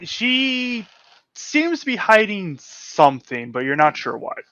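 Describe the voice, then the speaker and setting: Guy dm narrating the game, kinda high voice, lots of ums and restarts, dry mic. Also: big pitch swings, takes it slowly, pushed and bright, no room sound, lo-fi sound. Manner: hesitant narration with fillers and restarts. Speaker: game master.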